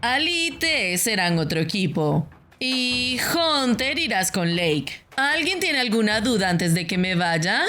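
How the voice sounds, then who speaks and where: A woman voicing a stern, dry host of a camp game show in an animated web series, making curt announcements. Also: medium pitch, unhurried, soft background music. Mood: announcing.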